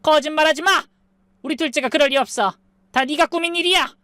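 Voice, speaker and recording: A woman's voice: sits high, a little fast, no echo, clean studio sound, voice pushed up. A woman voicing a harsh, scolding older mother-in-law in a storybook drama. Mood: denying. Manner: shouting, accusing.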